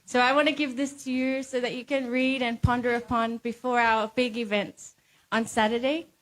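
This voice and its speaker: Female pageant host, high voice, poised and earnest, addressing a live audience from the stage. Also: level tone, normal speed, a bit bright. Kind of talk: live event hosting, addressing contestants and audience.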